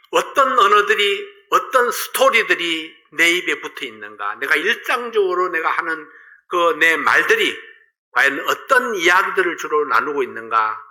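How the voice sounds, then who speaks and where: A male pastor delivers a sermon with a lively, widely moving pitch, set a little high. His voice is very bright and ringing. He poses rhetorical questions and shifts between forceful emphasis and hushed asides.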